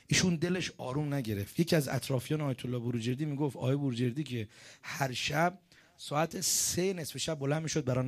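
Man preaching a dramatic sermon. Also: mid-range voice. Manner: dramatic storyteller, swings between loud outbursts and hushed lines. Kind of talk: sermon storytelling.

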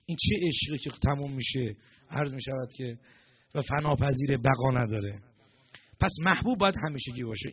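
A man giving a storytelling sermon as a preacher, animated and acting out the characters' lines in dialogue. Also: on the high side, breathy edge, highs cut off.

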